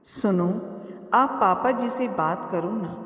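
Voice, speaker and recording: A woman's voice: mid-range voice, slow, a bit bright. A woman voicing a worried young daughter-in-law who speaks hesitantly, in an echoey room far from the mic. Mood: anxious. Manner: hesitant, anxious.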